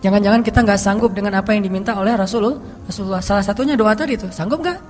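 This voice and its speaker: A male preacher giving a relaxed, joking sermon in speech, dropping Arabic phrases and chuckling along the way. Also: sits high, rapid-fire. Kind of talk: casual sermon. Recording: long hall reverb, faint music.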